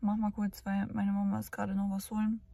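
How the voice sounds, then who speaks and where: Gravelly low-toned woman vlogging. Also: completely flat delivery, a little fast, dark tone. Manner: anxious, rambling and candid. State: in pain and worn out after surgery. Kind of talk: casual vlog talk to camera.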